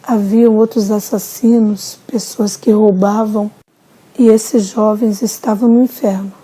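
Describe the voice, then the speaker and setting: A woman narrating a religious testimony in a solemn, measured storytelling manner. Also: mid-range voice, steady tone, warm tone, husky. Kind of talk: slow dramatic testimony narration.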